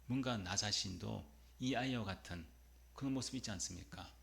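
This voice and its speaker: Gravelly-voiced man preaching a sermon. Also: on the low side, brisk, a bit bright. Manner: storytelling with rhetorical questions to the congregation. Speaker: pastor. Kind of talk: Sunday sermon.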